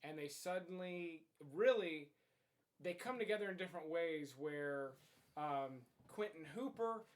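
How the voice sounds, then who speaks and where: A man's voice: a little high, animated, measured pace. A man hosting a casual movie review, talking bluntly and swearing freely as he comments on the film. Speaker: host of a movie review show.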